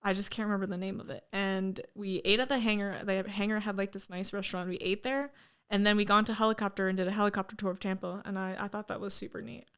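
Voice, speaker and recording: Young female podcast guest, smooth clear voice, relaxed upbeat storyteller. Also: mid-range voice, fast. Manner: easygoing storyteller, laughs along, upbeat. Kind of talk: casual chat.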